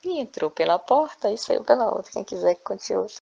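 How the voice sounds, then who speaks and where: A woman storyteller telling a folk tale in an animated way, often adding tag questions. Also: medium pitch, a little fast, gravelly, slightly rough, lo-fi sound. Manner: lively, frequent tag questions.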